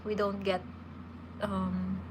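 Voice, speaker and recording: A woman from the Philippines in her thirties takes it slowly while chatting with livestream viewers and answering their questions. Her mid-range voice is relaxed and talkative, she restarts frequently, and the background is noisy.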